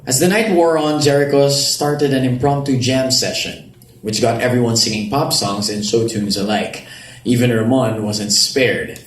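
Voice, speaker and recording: A man narrates a romance story, reading a novel excerpt in a live dramatic reading at a roomy public event venue. His voice is medium in pitch and moderately paced. The live recording is echoey with audible background noise.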